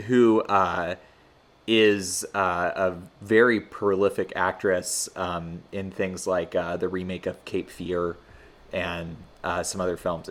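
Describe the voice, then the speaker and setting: A man's voice: deep voice, fairly bright tone. A man hosting a podcast, chatting casually about film history in a hesitant, rambling way full of fillers. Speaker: podcast host.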